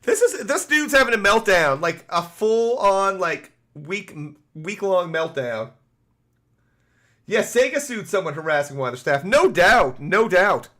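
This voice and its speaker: A man's voice: high voice, sing-song, a little slow, sharp tone. A Canadian man giving casual, sarcastic live-stream commentary, swearing freely and greeting chat viewers by name. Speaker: gaming streamer.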